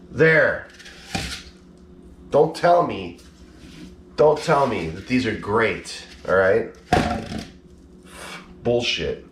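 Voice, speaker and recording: A man's voice: medium pitch, a little hiss or hum. A man collector talking casually in a blunt, exasperated way and swearing freely. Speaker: mask collector. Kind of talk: casual vlog ranting.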